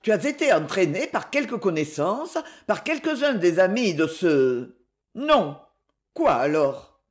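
A woman voicing a gentle old banker father. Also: fairly low pitch, very animated, measured pace. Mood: imploring. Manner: gentle, imploring.

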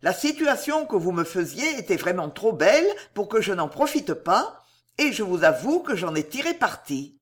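A woman's voice: mid-range voice, sing-song, normal speed. A woman reading an audiobook voices a poised, ironic middle-aged countess who speaks with mocking self-assurance.

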